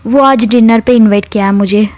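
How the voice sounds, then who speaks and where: A woman's voice: on the high side, steady tone, brisk, a little mellow, no echo, close to an everyday voice. A woman voicing a young woman who protests and bristles in a spoken storybook. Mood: defensive. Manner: defensive, protesting.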